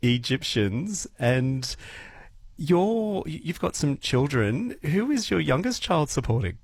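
A man's voice: on the high side, big pitch swings, slow, breathy edge, dry recording. A man hosting a radio interview, reacting with encouraging remarks. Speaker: radio host.

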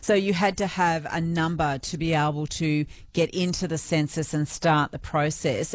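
A woman's voice: deep voice, no room sound. An Australian woman hosting a radio programme in a chatty, informal, conversational way. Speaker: radio host.

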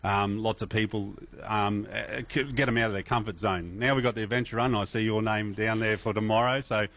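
On radio as an interview guest, a middle-aged festival MC from Australia talks in an easygoing manner with many fillers and false starts. His pitch is on the low side and his pace fairly quick.

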